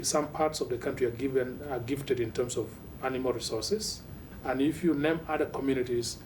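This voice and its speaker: A man, speaking earnestly and in a measured way in a documentary interview. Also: a little mellow. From South Sudan. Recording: distant mic with faint low rumble.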